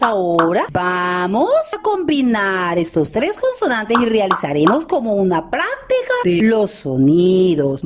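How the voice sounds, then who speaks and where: A woman teacher speaks slowly and patiently to small children, guiding a phonics lesson. Her pitch rises and falls in a lively, sing-song way. There is a faint hiss behind her voice. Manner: slow, patient, addresses children constantly, praises often.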